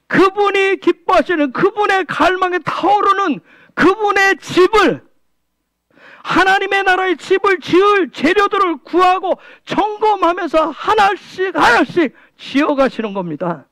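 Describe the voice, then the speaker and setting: Very high-pitched, bright, and forceful, a male pastor's voice carries an expressive, unhurried sermon in a dry recording. He repeatedly poses rhetorical questions, prompts the congregation with "응?", and repeats key phrases for emphasis.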